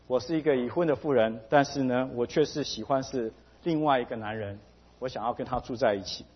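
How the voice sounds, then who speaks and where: A man quoting, in his own husky voice, a troubled married woman who anxiously asks a pastor for help, recorded dull with a long hall reverb. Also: mid-range voice, a little fast, lightly acted. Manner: anxious, hesitant pleading.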